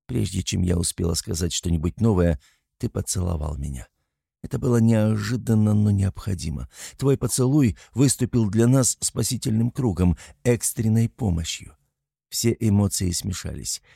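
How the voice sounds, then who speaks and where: Low, gravelly male narrator. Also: unhurried, warm tone, no room sound, clean studio sound. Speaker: audiobook narrator. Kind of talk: storybook narration.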